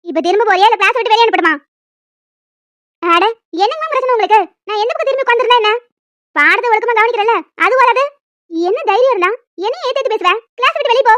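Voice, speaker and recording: A woman voicing a sharp-tongued, stubborn young college woman in an animated story. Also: extremely high pitch, no echo, studio quality. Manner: bickering, defiant.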